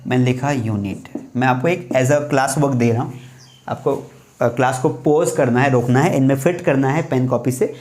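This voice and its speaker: A male teacher giving a lively grammar class. He repeats his main points and keeps asking the students questions. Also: mid-range voice, moderate pace. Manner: mixes English phrases into Hindi. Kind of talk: classroom lecture. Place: writing on a board while teaching.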